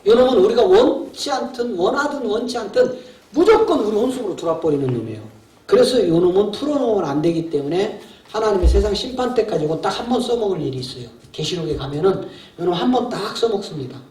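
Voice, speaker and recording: A man's voice: sits high, lively intonation, fast, a little mellow. A man preaching as a pastor at a seminar, talking colloquially and emphatically, often asking his audience rhetorical questions. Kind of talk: sermon. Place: seminar hall. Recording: echoey hall from far off.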